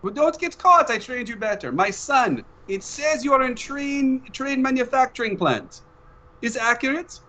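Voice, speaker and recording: A man's voice: very high voice, lively intonation, moderate pace, pushed and bright, pitched above the performer's own voice, exaggerated voice. A man playing a doting older spy father who speaks broken English. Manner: broken-English, fond, bossy.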